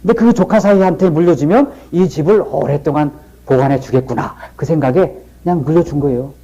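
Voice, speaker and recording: Man lecturing in a folksy, mellow voice. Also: a little high, brisk, lo-fi sound. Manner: folksy, plain-spoken storytelling. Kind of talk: storytelling lecture.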